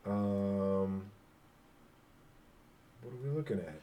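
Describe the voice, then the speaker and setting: A man co-hosting a casual podcast chat, swearing often and joking in a relaxed way. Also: lowish voice, slow pace, clean tone. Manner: profane, joking, laid-back. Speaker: podcast co-host.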